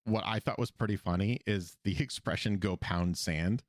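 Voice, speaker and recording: Deep-voiced podcast guy recapping episodes, lively and jokey, dry close mic. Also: moderate pace, no echo. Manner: animated, laughs often. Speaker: podcast co-host. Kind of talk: casual episode recap chat. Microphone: podcast microphone.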